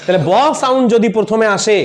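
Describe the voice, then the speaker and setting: A fast-talking man with a high voice teaches English grammar in style, classroom-lesson fashion. He raises questions only to answer them, repeats the important points, and frequently asks, "Am I clear? Yes or no?"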